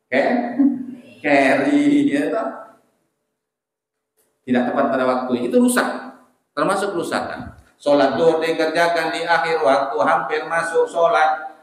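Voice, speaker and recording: Man, preacher, sermon, chatty, questions the congregation, fairly high voice, very echoey mosque. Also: fairly even intonation, unhurried, pauses often. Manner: conversational, questions the congregation directly.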